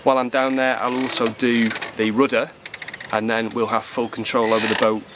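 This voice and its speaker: A man's voice: medium pitch, level tone, moderate pace, background noise. A man in his thirties, hosting a sailing vlog and chatting as he explains boat chores. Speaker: vlog host. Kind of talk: casual vlog narration. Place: aboard a moored sailboat.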